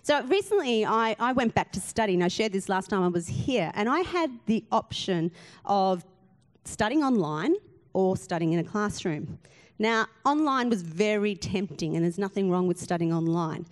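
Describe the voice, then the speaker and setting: Woman pastor preaching, chatty and self-deprecating, mid-pitched voice, keeps asking the room questions. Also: animated, normal speed. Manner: conversational, asks the congregation questions. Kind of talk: sermon.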